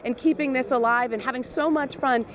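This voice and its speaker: A woman's voice: high voice, steady tone, a little fast. A woman reporting from a steel pan event, asking friendly, encouraging questions. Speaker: carnival reporter. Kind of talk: field interview.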